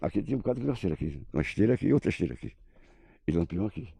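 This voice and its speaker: An older man, recounting what he saw in quick, halting bursts full of restarts. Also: low voice, big pitch swings, gravelly, mellow. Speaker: eyewitness interviewee. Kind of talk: storytelling recollection. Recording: roomy echo.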